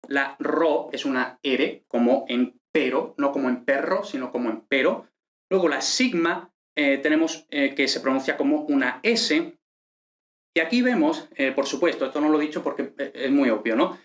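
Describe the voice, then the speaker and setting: A man teaching an online lesson and explaining each point step by step, often checking in with short tag questions. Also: mid-range voice. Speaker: teacher of ancient Greek.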